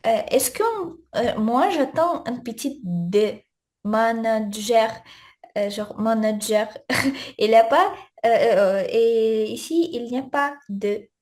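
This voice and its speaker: A woman's voice: on the high side, slow, a little mellow. A woman studying French, asking questions hesitantly and searching for words on a video call. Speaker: language student.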